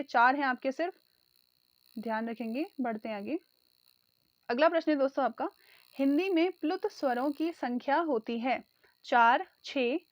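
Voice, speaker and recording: Woman exam tutor, high pitch, dry close sound, drills answers. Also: no echo. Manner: addresses viewers as friends, repeats key answers. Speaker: exam prep teacher. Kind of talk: online exam-prep lesson.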